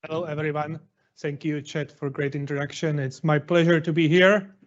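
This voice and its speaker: Man, Czech accent, guest chef, halting speech, muffled lo-fi sound. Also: fairly high pitch, fairly even intonation. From Czech Republic. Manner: halting non-native phrasing with frequent fillers. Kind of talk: presentation talk.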